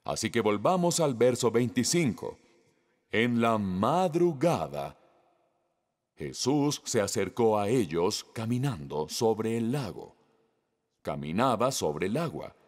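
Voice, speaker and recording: A man delivers a sermon, reading scripture aloud and stopping to ask the congregation questions. He speaks slowly, and his pitch moves lively up and down. His voice carries a long reverb, like a large hall. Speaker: preacher.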